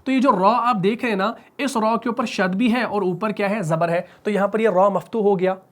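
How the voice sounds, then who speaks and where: A man with a Pakistani Urdu accent teaching Quran recitation rules, who asks the class questions, answers them himself and stretches out the example words slowly. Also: high voice, fairly even intonation, fairly bright tone. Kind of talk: spoken tajweed lesson at a whiteboard.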